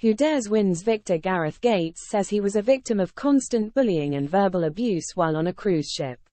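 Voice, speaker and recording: Mellow-voiced woman reading celebrity news. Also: mid-range voice, expressive, normal speed, no echo. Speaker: news narrator. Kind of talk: scripted news narration.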